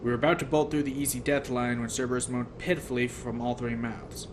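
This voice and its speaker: Narrating a first-person novel for an audiobook, a man reads fast in a medium-pitched voice with little pitch movement. He occasionally stumbles and goes back over phrases, against noticeable background noise.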